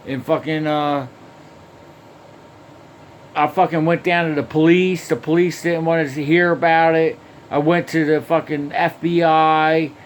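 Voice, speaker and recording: A man's voice: on the high side, flat delivery, unhurried, a little hiss or hum. A man telling a rambling first-person story, swearing constantly and restarting his sentences again and again. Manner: heavily profane, rambling, with frequent restarts and fillers.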